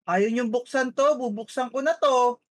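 A stern yet bumbling police officer, played by a woman, knocks and pries with nagging, suspicious questions. The voice sits somewhat high for a cop. It is all light game role-play. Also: normal speed, lightly acted.

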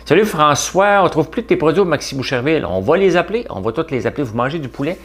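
A man's voice: a little high, sing-song, racing, breathy edge. A middle-aged man with a Quebec French accent, hosting a casual livestream and chatting with viewers by name. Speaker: livestream host reading viewer comments. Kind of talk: casual live chat.

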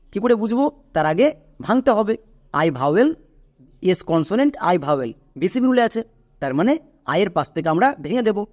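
A man's voice: high voice, a little mellow. A man with a Bengali accent teaching an English lesson, explaining step by step and talking straight to the learner. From Bangladesh or West Bengal. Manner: step-by-step, talks directly to the learner. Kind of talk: classroom-style lesson.

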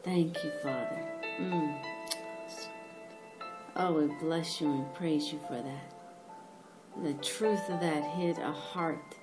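Female podcast host leading prayer; slow fervent delivery, lowish voice, music bed. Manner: slow, fervent, repeating thanks. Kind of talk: spoken prayer. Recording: music playing behind.

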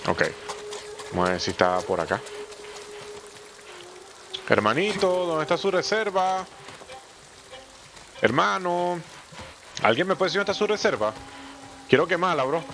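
A man giving slangy, animated let's play commentary and talking back to the game's characters. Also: a little high, a little slow, long pauses, noisy background. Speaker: gameplay streamer. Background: game music.

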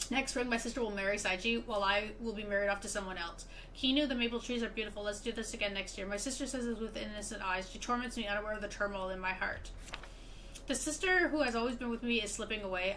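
A woman reading aloud the diary of a grieving young woman, in a soft, subdued way. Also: medium pitch, a little hiss or hum, voice pushed down, close to an everyday voice, low-quality recording.

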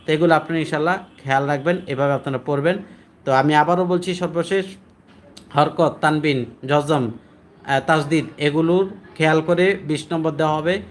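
A man teaching Quran recitation, explaining the rules and then chanting verses slowly. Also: fairly high pitch, fairly even intonation, slight background noise.

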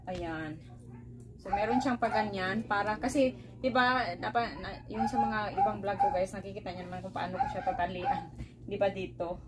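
A woman's voice: mid-range voice, steady tone, moderate pace, heavy background noise. A woman, casually chatting to her viewers and baby-talking to her pet dog. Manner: mixes Tagalog, Bisaya and English, coos baby talk to her dog. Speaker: vlogger.

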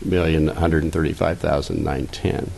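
A man in his fifties presenting a school budget at a public board meeting, seated at a dais and speaking into a desk microphone, halting and repeating words as he reads out figures. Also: extremely low pitch, fairly even intonation, creaky, darkish tone, a little hiss or hum. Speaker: school district finance officer.

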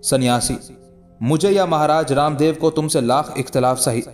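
A man's voice: fairly high pitch, moderate pace, a little mellow, faint music behind, natural voice. A man reading as a scheming, coaxing king.

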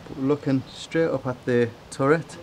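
A man renovating old windows, explaining his work to camera in a relaxed, hesitant way with lots of ums. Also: mid-range voice, moderate pace, a little hiss or hum, low-quality recording. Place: top-floor room of a château.

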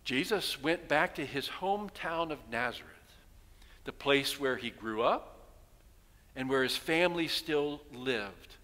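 This pastor, a man in his sixties, speaks unhurriedly in a medium pitch with lively intonation and a bright, forceful tone. Preaching from the pulpit of a big sanctuary, he weaves stories, asks rhetorical questions, and voices townspeople. He uses a headset mic, and the church hall's reverb lingers long.

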